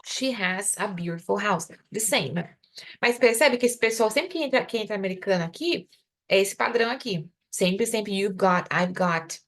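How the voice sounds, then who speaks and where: A young adult woman with a Brazilian Portuguese accent, teaching an English lesson live online. She explains in Portuguese and says the English example phrases slowly and carefully. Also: mid-range voice, fairly bright tone.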